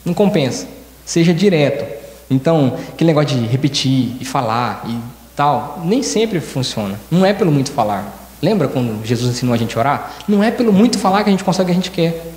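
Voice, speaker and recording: Fields: Man. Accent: Brazilian Portuguese. Style: fast, high-pitched sermon. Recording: echoey church hall with long reverb. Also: big pitch swings, darkish tone. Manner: emphatic, repeats key phrases, acts out quoted dialogue. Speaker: church elder preaching.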